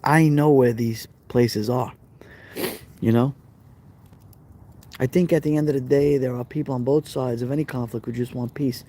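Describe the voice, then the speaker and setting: A middle-aged Brooklyn man hosts a casual live stream, chatting with viewers, reading their comments and talking straight to them, often repeating phrases. His voice is medium-pitched and warm, with fairly even intonation, a moderate pace and long pauses.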